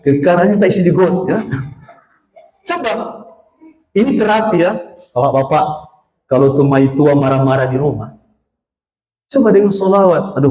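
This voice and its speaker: A man preaching a mosque sermon, telling stories straight to his listeners and drawing out chanted prayer phrases slowly. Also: sits high, a little mellow, highs cut off. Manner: storytelling, addresses listeners directly, draws out chanted phrases slowly. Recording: echoey mosque hall.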